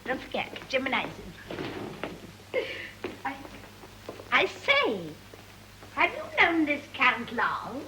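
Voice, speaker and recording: A woman's voice: high voice, wildly swooping pitch, slow, long pauses, sharp tone, heavily acted, rough recording. An actress playing a gushing, muddled, well-off English mother in a stagey 1930s film comedy, fluttery and fussy. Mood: excited, flustered. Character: gushing, socially ambitious wealthy mother, comically muddled. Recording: hissy early talkie film soundtrack.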